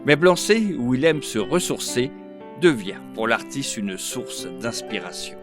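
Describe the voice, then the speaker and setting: A man narrating a local news report in a measured, scripted reading. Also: mid-range voice, very animated, loud music behind the voice. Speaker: voice-over reporter.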